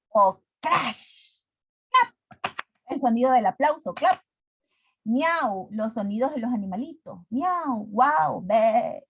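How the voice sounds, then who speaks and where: A woman giving a recorded grammar lesson, explaining carefully and pausing on frequent "eh" fillers. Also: a little high, breathy edge, no room sound. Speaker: grammar teacher.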